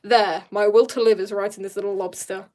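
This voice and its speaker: A teen or young adult woman rambles casually while drawing on a livestream, giggling and slipping in slangy asides. Her mid-range voice is brisk and a little mellow, with a steady tone.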